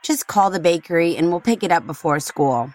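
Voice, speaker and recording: A woman's voice: fairly low pitch, expressive, normal speed, darkish tone, dry recording, natural voice. A woman voicing a busy, harried mother who sounds dry and exasperated in a recorded English-lesson dialogue.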